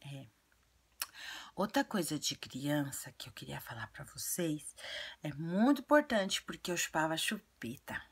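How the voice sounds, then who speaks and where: A woman voicing an earnest, chatty little girl who tells childlike stories and gives advice in a breathy, often half-whispered voice. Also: low voice, animated, measured pace, heavily acted. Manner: childlike storytelling, repetitive. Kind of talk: video monologue in character.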